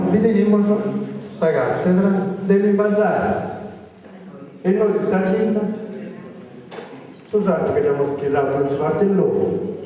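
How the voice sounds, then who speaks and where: A man with a Sardinian accent speaking off the cuff at a conference, halting and often repeating words as he restarts. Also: on the high side, mellow. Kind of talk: unscripted talk at a conference. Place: conference hall. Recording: distant mic in an echoey hall.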